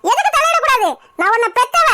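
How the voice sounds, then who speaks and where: A woman's voice: lively intonation, quick pace, heavy background noise. A woman voicing a protective, scolding mother in a cartoon. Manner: scolding, shrill. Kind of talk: Tamil cartoon voice acting.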